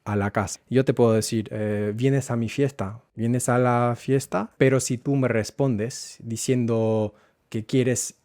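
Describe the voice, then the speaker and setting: A man teaching a Spanish lesson, going slowly and repeating words so learners can follow. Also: mid-range voice, fairly even intonation, a little mellow, no echo, studio quality. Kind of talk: language lesson.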